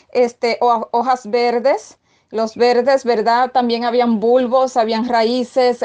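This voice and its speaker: Woman, high voice, earnest spoken testimony, halting with fillers. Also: darkish tone. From Puerto Rico. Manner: earnest, with frequent fillers and repetitions. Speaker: testimony speaker recounting a dream.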